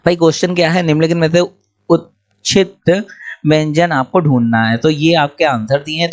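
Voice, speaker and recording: A young man teaching exam questions, explaining each answer briskly and repeating key points. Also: on the high side.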